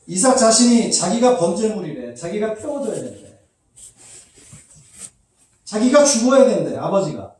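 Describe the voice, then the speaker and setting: A male pastor preaches with a high but mellow voice that rings through a very echoey church hall. He sounds a little removed from the mic, as if it were set some way off in the room. He keeps putting questions to the congregation and slips into the voices of the people in the story. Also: far from the mic. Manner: acts out quoted voices, asks the congregation questions. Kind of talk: sermon.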